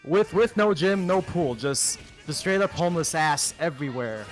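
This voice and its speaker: A man's voice: on the high side, animated, normal speed, soft background music. Joking man in his thirties commentating. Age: 30s. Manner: joking, crude, playful banter. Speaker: tournament commentator. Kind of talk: casual esports commentary.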